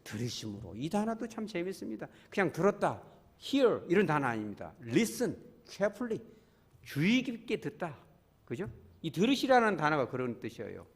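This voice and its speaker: Man, pastor, Sunday sermon, acts out quotes, very expressive pitch. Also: moderate pace, husky. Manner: animated preaching with acted-out quotes and congregation prompts. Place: church sanctuary.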